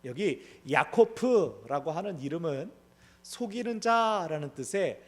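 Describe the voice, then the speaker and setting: Man, pastor, expository sermon, high voice, very animated pitch, conversational, rhetorical questions. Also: unhurried. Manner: acts out the biblical characters' lines in dramatized voices.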